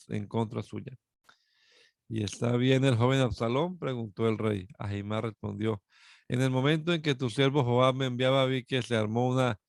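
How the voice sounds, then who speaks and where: Man, gravelly voice, Bible reading, measured and plain, dry booth. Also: mid-range voice, no echo. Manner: steady reading with occasional self-corrections. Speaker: scripture reader.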